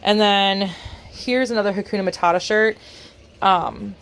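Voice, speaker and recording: A woman's voice: medium pitch, fairly even intonation, normal speed, a bit bright, a little hiss or hum. A congested woman talking casually to her vlog camera, rambling with dry sarcastic asides. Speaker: vlogger.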